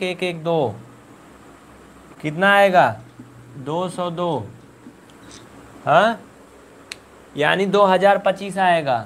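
A man's voice: high-pitched, slight background noise. A man teaching a live online maths class, repeating questions and scolding his students. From India.

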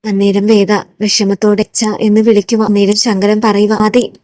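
Woman retelling a serial in a flat voice. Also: mid-range voice, normal speed, dry recording, studio quality. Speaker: serial recap narrator.

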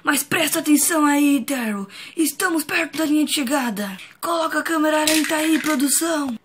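A woman's voice: high voice, normal speed, pitched above the performer's own voice, close to an everyday voice. A woman playing a race commentator in a cartoon car world, giving sports commentary. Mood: excited. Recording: noisy home recording with clicks.

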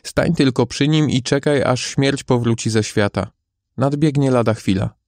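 An old woman gives hurried, urgent instructions, as a male storyteller puts her on. Her voice sits a little higher and louder than his narration in a fairy-tale audiobook. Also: no room sound, clean studio sound, natural voice. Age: older.

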